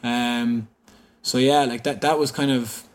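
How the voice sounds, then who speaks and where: A man's voice: medium pitch, a little slow. An Irish man, an interview guest, recounting a personal story in conversation and acting out what people said. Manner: animated, quotes dialogue as he recounts.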